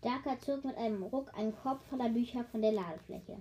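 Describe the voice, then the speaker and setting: A woman reading a children's story aloud. She often stops to joke with her listeners, stumbles over words and corrects herself, and uses a higher voice for the characters' short cries. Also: fairly quick, dark tone, slight background noise, rough recording. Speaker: reader of a children's book.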